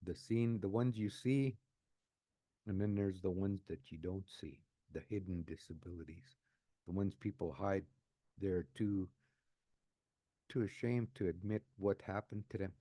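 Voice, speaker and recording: A man in his sixties telling his own life story, unscripted and emotional, often halting and repeating words as he restarts a phrase. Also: low voice, steady tone, warm tone, no echo, clean studio sound. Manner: emotional, earnest. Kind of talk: personal testimony, unscripted.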